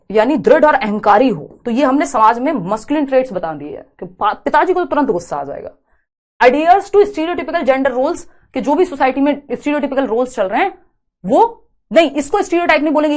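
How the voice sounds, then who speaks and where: A female teacher with a fairly high-pitched voice gives an exam-prep lecture, explaining through rhetorical questions and frequent tag questions. She mixes English terms into her speech and dictates notes.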